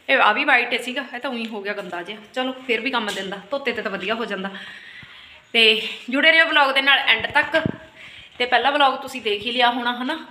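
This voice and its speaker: A woman's voice: on the high side, sharp tone. A middle-aged woman with an Indian Punjabi accent chatting casually as a family vlog host, often checking in with little tag words. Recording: echoey room, faint background noise.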